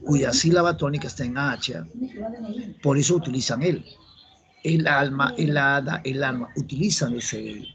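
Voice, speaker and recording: This Peruvian-accented man talks at a normal speed with a medium-pitched, fairly bright voice as he teaches grammar for an entrance exam. Patient in his explanations, he keeps repeating the main rules and quizzing his students.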